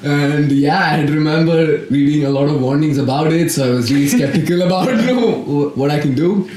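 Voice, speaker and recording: A man's voice: a little high, a little fast, a little mellow. A young man from South India, a guest chatting casually on a podcast and laughing through his stories. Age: young adult. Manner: friendly, laughs while telling stories. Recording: echoey room.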